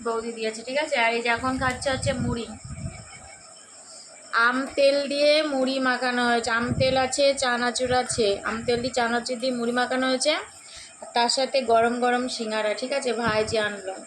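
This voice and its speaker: A young woman with a hoarse voice, chatting casually to viewers in a home vlog and often asking if they follow. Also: on the high side, flat delivery, brisk, a bit bright, slight background noise. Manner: chatty, keeps asking "okay?". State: hoarse, sore throat. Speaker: vlogger.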